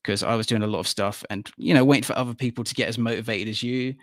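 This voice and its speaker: A man's voice: mid-range voice, fairly even intonation, quick pace, no room sound, clean studio sound. A man in his late thirties, a guest on a casual panel podcast, telling stories in a rambling way and laughing easily. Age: late 30s. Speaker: podcast guest, animator and musician.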